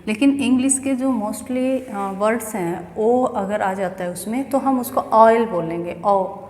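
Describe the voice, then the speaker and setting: A woman teaching English pronunciation in a slow, repetitive classroom manner, asking rhetorical questions as she explains. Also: a little high, a little mellow. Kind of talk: classroom-style lesson explaining phonetics. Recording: echoey room with long reverb, faint ambient noise.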